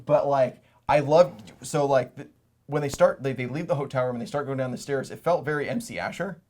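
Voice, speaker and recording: A man co-hosting a movie review podcast in casual chat, laid-back and quick to laugh, who often trips over and repeats his words. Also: mid-range voice, darkish tone, slight background noise.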